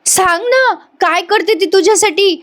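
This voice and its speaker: A woman's voice: very high-pitched, moderate pace, fairly bright tone, voice pushed up. A woman voicing a brash, jealous young woman who taunts and bosses a young mechanic. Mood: taunting. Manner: taunting, teasing and bossy.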